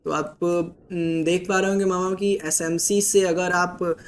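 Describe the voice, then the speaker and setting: A man's voice: high-pitched, little pitch movement, measured pace. A man hosting a casual stock market chart walkthrough, patiently explaining and checking in with his listener. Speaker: market analysis host.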